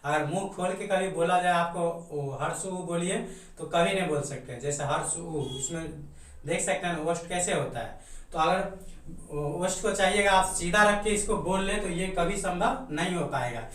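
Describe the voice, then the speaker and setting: A man's voice: high voice, moderate pace, a bit bright. A man teaching a grammar lesson, explaining step by step and answering his own questions. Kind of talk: grammar lecture. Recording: very echoey room, mic far off.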